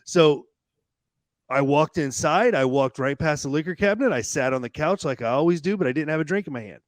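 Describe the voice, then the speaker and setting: A man's voice: a little high, lively intonation, dry recording. Candid man telling a personal story. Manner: candid, halting, with frequent restarts and laughs. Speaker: podcast guest. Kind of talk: personal storytelling in a podcast interview.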